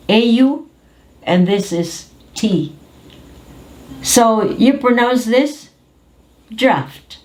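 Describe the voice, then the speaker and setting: Very slow, careful woman teacher. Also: mid-range voice, a little mellow. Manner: careful, over-articulated word drills. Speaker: pronunciation teacher.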